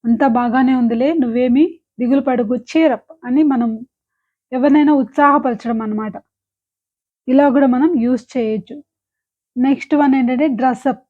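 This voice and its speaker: Woman teacher going over english phrases, says examples real slow, sounds like a phone line. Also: high-pitched, steady tone. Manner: slow, deliberate example sentences between quick explanations. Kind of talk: language lesson.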